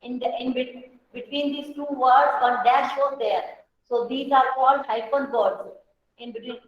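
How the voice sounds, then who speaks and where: Indian lady teacher, high voice, really slow and patient, dull lo-fi call audio. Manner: patient, explains slowly, mixes Hindi and English. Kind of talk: online class lesson.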